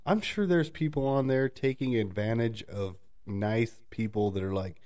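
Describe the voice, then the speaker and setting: At a normal speed and in a mellow voice, a male co-host shares stories during a casual chat. He keeps breaking into laughter and does high-voiced impressions of people.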